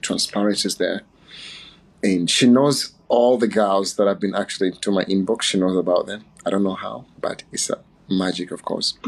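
A man's voice: low voice, vocal fry, husky, low-quality recording. A man from Uganda hosting a casual, playful livestream chat on his phone, chatting and laughing often. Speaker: livestream host.

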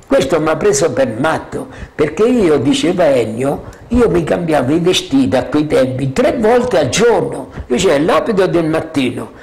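Here an older witness with a lively, gravelly, slightly high voice spins rambling recollections. Animated and prone to chuckling, he repeatedly checks in with "capito?"

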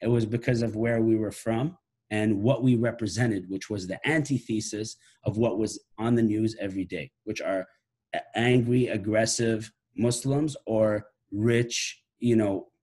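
A man's voice: lowish voice, fairly even intonation, a little slow, darkish tone, slightly rough. A man in his late thirties from Iraq, a musician and professor, talking thoughtfully to camera on a video call from his living room, often restarting phrases. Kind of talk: reflective talk to camera. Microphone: laptop webcam video call.

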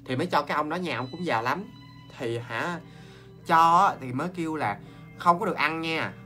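A man's voice: fairly high pitch, faint music behind. Chatty Southern Vietnamese man telling ghost tales. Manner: animated, talks straight to viewers, quick asides and laughs. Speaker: ghost story host. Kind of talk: chatty livestream storytelling.

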